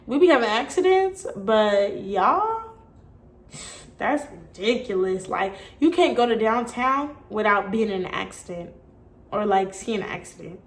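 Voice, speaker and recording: A young woman from California chatting in a casual Q&A vlog, animated and talking straight to her viewers. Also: medium pitch, measured pace. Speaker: YouTuber. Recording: echoey room.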